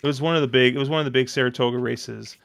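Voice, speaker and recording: A man hosting a casual podcast, telling long, excitable stories full of fillers and restarts. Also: mid-range voice, very fast, vocal fry. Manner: rambling, excitable storytelling with many fillers. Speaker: podcast host.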